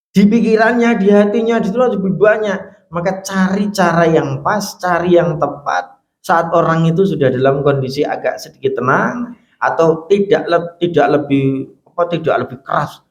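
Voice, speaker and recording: Animated preacher in an echoey mosque. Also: male voice, high-pitched, normal speed. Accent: Javanese Indonesian. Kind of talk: mosque sermon. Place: mosque hall.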